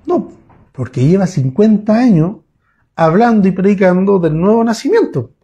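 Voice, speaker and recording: A pastor preaches in a fairly high voice. He talks to his congregation in a loose, storytelling way, often breaking off and restarting his sentences. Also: animated, moderate pace, mellow, muffled recording. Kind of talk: sermon. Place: church.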